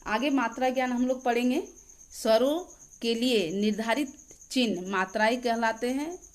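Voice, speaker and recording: A woman teaching a grammar lesson, reading rules and examples aloud in a slow, deliberate dictation. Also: fairly high pitch.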